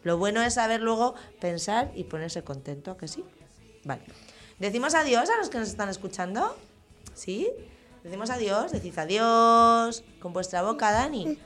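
A woman's voice: fairly high pitch, sing-song, normal speed, a bit bright. Woman, middle-aged, patient teacher, coaxing questions to young kids, faint music behind. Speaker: teacher hosting a children's school radio show. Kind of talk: gentle questioning talk with small children.

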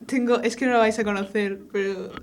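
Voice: medium pitch, fairly even intonation, a little fast, a little hiss or hum. Giggly, slangy co-host. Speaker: radio show co-host. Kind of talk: casual chat, slangy.

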